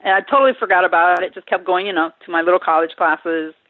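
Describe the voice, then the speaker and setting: A woman's voice: lowish voice, steady tone, fast talker, no echo. A woman talks over a tinny, phone-like line with a dry sound. She tells her stories casually, laughs often and slips into the voices of the people she quotes. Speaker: guest singer. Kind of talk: casual interview storytelling.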